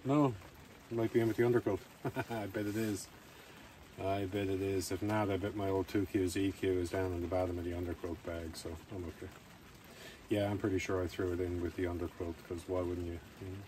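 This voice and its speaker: A man's voice: deep voice, flat delivery, a little fast, dark tone, low-quality recording. Easygoing man vlogging outdoors. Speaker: camping vlogger. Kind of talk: casual narration to camera. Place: outdoors at a rainy campsite. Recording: faint outdoor ambient noise.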